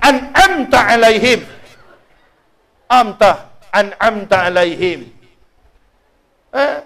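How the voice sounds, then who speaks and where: High-voiced joking male preacher. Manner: joking, animated, mimics others; shouts out exclamations. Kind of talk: humorous sermon. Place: mosque.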